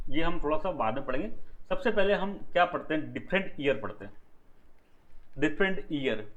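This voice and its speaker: A man's voice: on the high side, fairly bright tone, dull audio. A man lecturing on economics who keeps asking the class questions, answers them himself, repeats key terms and mixes English words into his talk. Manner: addresses listeners as "dosto". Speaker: economics teacher.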